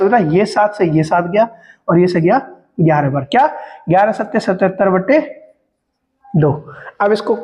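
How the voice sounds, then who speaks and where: A man's voice: sits high, low-quality recording. A man teaching maths, working calculations step by step in a talkative way, calling his students "beta" and asking and answering his own questions. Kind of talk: explaining step-by-step calculations on a board.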